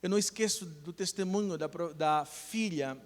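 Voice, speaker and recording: A man preaching a sermon as pastor, earnest, telling stories and retelling conversations, building to loud emphasis. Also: a little high, moderate pace, long reverb tail.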